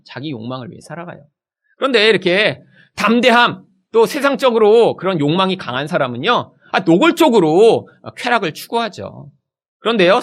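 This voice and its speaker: A middle-aged man preaching a sermon in a church as pastor, acting out the people he quotes. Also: high voice. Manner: animated, acts out quoted people in his preaching.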